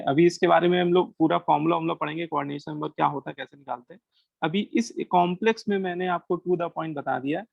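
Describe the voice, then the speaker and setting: A man with an Indian accent and a fairly high, gravelly voice teaches chemistry to a class, switching between Hindi and English and posing questions he then answers himself. The recording has no room sound and its highs are cut off.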